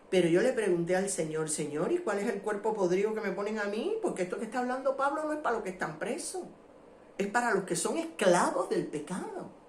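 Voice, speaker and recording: A woman's voice: medium pitch, darkish tone, a little hiss or hum. Fervent woman preaching, echoey room. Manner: fervent, emphatic, swings between quick and slow, drawn-out exclamations. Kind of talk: sermon.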